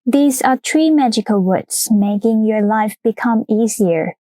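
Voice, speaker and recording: Cohosting a podcast, this woman from Thailand gives careful, measured cultural explanations in English, which isn't her first language; Thai is. She has a high, dry voice with a dark tone, and there's no room sound.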